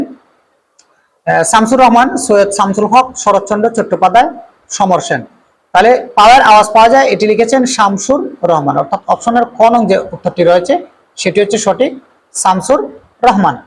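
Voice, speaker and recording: Here a high-pitched man, a teacher, goes over exam questions in multiple-choice format, restating each question and listing its choices before revealing the answer with long, drawn-out "uh"s. There's slight background noise, and the recording sounds rough.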